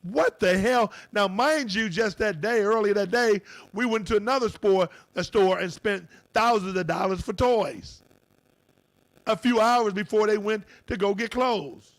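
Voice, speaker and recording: High-voiced, indignant radio co-host. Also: male voice, a little slow, dry recording. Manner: animated, indignant storytelling with acted quotes. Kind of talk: casual radio talk, telling a personal story.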